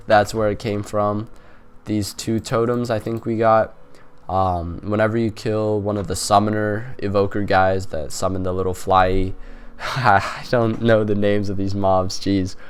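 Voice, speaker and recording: Congested and nasal from a cold, this young gaming host talks in a lowish, fairly even, unhurried voice. His casual commentary on the gameplay wanders and is packed with fillers, and the tone is clean.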